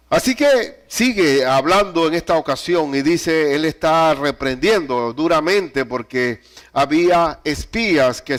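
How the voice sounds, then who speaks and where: A man's voice: high voice, a bit bright. A man preaching a sermon, speaking emphatically, repeating key phrases and asking the listeners rhetorical questions. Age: adult with a child.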